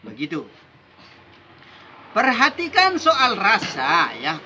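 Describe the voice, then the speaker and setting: A man's voice: high-pitched, huge pitch swings, takes it slowly, sharp tone, slight background noise. A man from Indonesia teaching Sufi mysticism in a rhythmic, emphatic way, often ending points with "begitu". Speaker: religious teacher.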